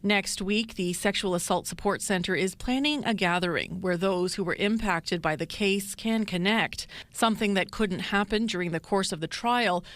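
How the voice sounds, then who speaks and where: A woman, a television reporter narrating a news story in a measured, formal way. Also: medium pitch, fairly bright tone, no echo.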